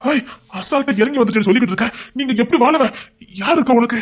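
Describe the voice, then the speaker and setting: A man playing a young rowdy who broods over a past heartbreak and scolds a woman for coming back. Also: very high-pitched. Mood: scolding. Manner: scolding, rapid, exasperated. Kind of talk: amateur romance drama acting.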